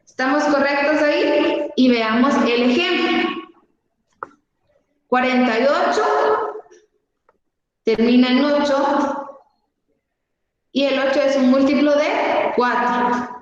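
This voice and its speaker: A woman teaching a math lesson online, speaking slowly and patiently and counting out examples step by step, heard through a low-quality video call stream. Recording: dull, echoey, noisy video call audio.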